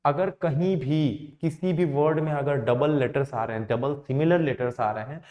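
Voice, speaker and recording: Slightly high-voiced man teaching a lesson. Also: muffled recording. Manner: slow explanatory, repeats words for emphasis; asks and answers his own questions. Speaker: English teacher. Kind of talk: classroom lesson.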